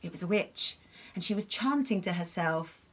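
Expressive woman reading a bedtime story. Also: fairly low pitch, normal speed, breathy edge. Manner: expressive, gasping, asks the listener questions about the pictures. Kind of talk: bedtime story read aloud to children.

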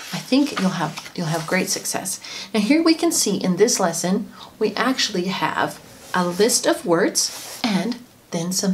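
A woman, a homeschooling mother, gently and chattily explaining a lesson in an instructional tutorial. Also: medium pitch. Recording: noisy home recording.

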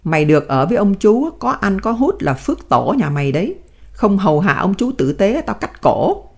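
A woman's voice: mid-range voice, very animated, moderate pace, creaky, darkish tone. A woman voicing a tough male gang boss prisoner who speaks bluntly and threatens. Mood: menacing.

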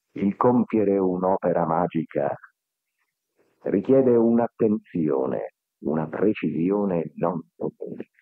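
A man giving a slow, declamatory spiritual discourse, heard from an old worn tape recording. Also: mid-range voice, dry recording. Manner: slow, deliberate, declamatory oratory. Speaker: spiritual speaker. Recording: tinny, thin 1970s tape recording.

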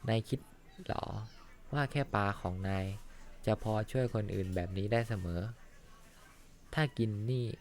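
A man's voice: fairly low pitch, measured pace, long pauses, a little mellow, lightly acted. A man voicing a harsh middle-aged male boss in a fan-dubbed cartoon, talking in a scornful, insulting way. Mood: scolding. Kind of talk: Thai fan dub of an animated series.

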